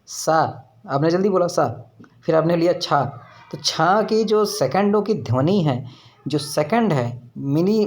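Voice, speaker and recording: A male teacher giving an online exam-prep lesson on grammar. He explains slowly, sounds out syllables to demonstrate them, and keeps checking in with "right?". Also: a little high. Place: rented room with children shouting nearby.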